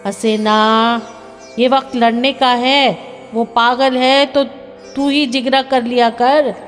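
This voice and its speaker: Gentle older widow, lady of the house, soothing and tender, voiced by a woman reader; a bit high. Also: slow, in a large hall, faint music behind. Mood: affectionate.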